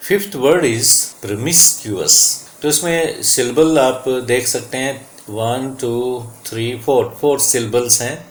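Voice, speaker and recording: Indian-accented male teacher, deliberate bilingual lesson pace, roomy echo. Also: mid-range voice. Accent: Indian English. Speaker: English teacher. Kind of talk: vocabulary lesson.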